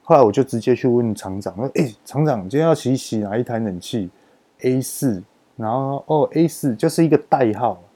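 A man with a Taiwanese Mandarin accent talks through a story from his job in a loose, emphatic monologue. His voice sits in a mid register with a dark, mellow color. He leans on drawn-out particles at the ends of sentences to drive his points home. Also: medium pitch, lively intonation, slightly rough. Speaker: podcast host.

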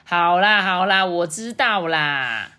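A woman's voice: sits high, animated, takes it slowly, bright, forceful tone, pitched above the performer's own voice, heavily acted. A woman voicing a sulky young elephant boy in a storybook, whining and drawn out. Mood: whiny.

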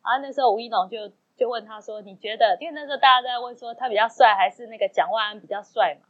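A woman's voice: fairly high pitch, fast. A woman co-hosting a casual chat, telling stories in Taiwanese Mandarin and acting out the dialogue. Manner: animated storyteller, acts out quoted dialogue. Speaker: podcast co-host. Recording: dull lo-fi sound.

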